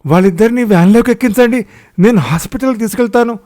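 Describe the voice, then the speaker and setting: A man voicing a desperate middle-aged farmer who shouts urgently in a raised, high voice. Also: very slow, creaky, exaggerated voice. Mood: frantic shouting.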